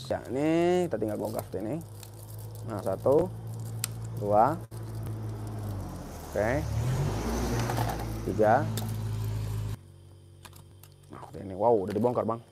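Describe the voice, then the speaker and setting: A man's voice: on the low side, measured pace, pauses often, noisy background. A young man from Central Java giving a casual hands-on repair tutorial in a workshop, talking as he works and repeating his phrases. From Central Java, Indonesia. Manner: casual, talks while working, repeats phrases. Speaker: repair technician.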